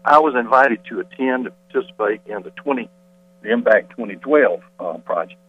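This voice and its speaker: A man's voice: medium pitch, lively intonation, a little fast, husky, no echo. A school board member calling in to a radio interview by telephone, slightly out of breath, insistent as he rebuts claims point by point. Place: quiet hallway off a meeting. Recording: tinny phone line with mains hum.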